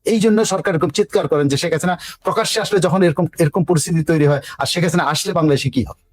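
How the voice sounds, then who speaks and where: A man's voice: a little high, very fast, a little hiss or hum. A man giving political commentary on a talk show, insistent, hammering key words through repetition and mixing in English words. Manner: mixes English words into speech.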